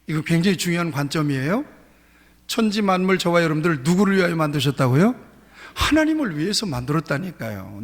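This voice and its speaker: A man's voice: on the high side, gravelly. A male pastor preaching a sermon in a church sanctuary, emphatic, often repeating his key phrases. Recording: reverberant church hall.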